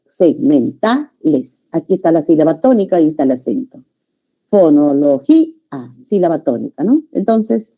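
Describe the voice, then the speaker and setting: A woman gives a classroom lecture in a warm, mellow, rather low voice. She explains step by step, slows down to spell out individual sounds, and keeps checking in with the class through short tag questions. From Peru. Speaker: teacher.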